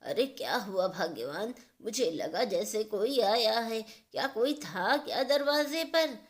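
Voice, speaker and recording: A woman voicing an elderly father who speaks slowly and soothingly. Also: fairly high pitch, expressive. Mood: gentle concerned. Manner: slow, soothing. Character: worried elderly father, gentle and slow.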